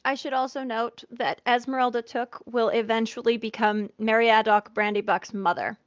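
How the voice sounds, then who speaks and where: Chatty woman player, higher voice, muffled and dry. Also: steady tone, normal speed, dry recording. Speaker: tabletop game player. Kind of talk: casual chat.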